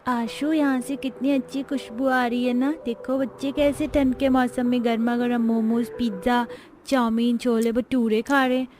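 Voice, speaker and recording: A woman voicing a poor, hungry little girl who speaks softly and plaintively in a cartoon story. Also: on the high side, level tone, normal speed, a little hiss or hum, lightly acted. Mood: wistful. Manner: soft, plaintive. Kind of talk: cartoon voice acting.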